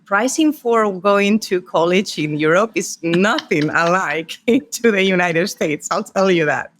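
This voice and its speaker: Brief: Spanish-accented woman, middle-aged, interview guest, warm storyteller who lists her points. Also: fairly low pitch, lively intonation, unhurried, slight background noise. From Spain. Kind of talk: podcast interview.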